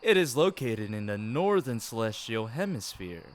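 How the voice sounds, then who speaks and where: An amateur audio roleplay performer does an ASMR romantic scene as a tender, teasing boyfriend, speaking affectionately to his partner. His mid-pitched voice swings widely and moves at a normal speed. The recording is clearly noisy, with ambient sound behind him.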